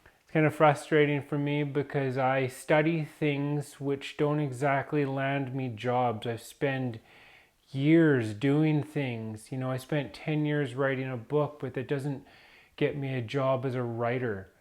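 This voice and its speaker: Slow, rambling man vlogging. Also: mid-range voice, steady tone. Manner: rambling, hesitant, many fillers and restarts. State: coughing from dust. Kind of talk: unscripted vlog talk.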